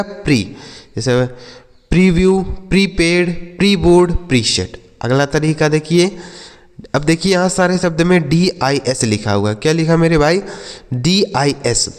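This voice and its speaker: A man's voice: fairly high pitch, in a large hall. A man teaching children to read English, spelling words out letter by letter, quizzing them and repeating each answer. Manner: sounds out letters slowly, keeps quizzing the listener; calls listeners "children" and "my brother".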